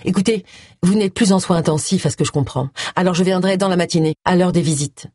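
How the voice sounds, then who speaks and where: A woman voicing a sharp-tongued, grumpy middle-aged amateur sleuth in an audiobook, blunt and acerbic. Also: lowish voice, fast talker, no room sound, clean studio sound, natural voice.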